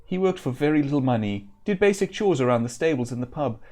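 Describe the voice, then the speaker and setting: A man acts out a jittery stable hand in a fantasy game. His voice sits raised in pitch as he speaks in uneasy, old-fashioned rustic phrases. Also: animated, normal speed, a little mellow. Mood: nervous, earnest. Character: frightened male stable caretaker, simple working man.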